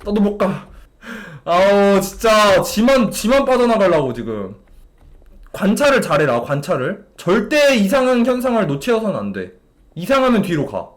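A man's voice: high voice, sing-song, normal speed. A young man streaming a game, talking in an exasperated way to a game character and his chat. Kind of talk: live gameplay commentary to chat.

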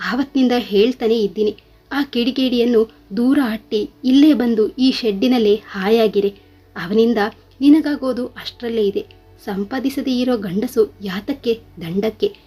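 A woman voicing a stern, sharp-tongued elderly woman employer who scolds and curses bluntly. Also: fairly high pitch, measured pace, breathy edge, soft background music. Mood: scolding.

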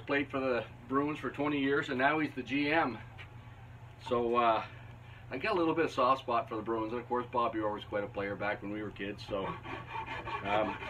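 A Canadian man in his fifties hosts a woodworking channel, giving casual instruction in his basement woodshop in a folksy, easygoing way with chuckling asides. His medium-pitched voice is caught by a camera on a bench a few feet away, with background noise.

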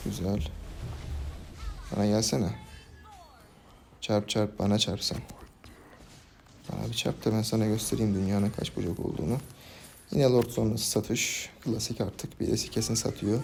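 A young man commentating his own gameplay for a video, swinging from calm play-by-play to frustrated outbursts at his teammates. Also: on the low side, normal speed, gravelly, long pauses, soft background music. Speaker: gaming YouTuber.

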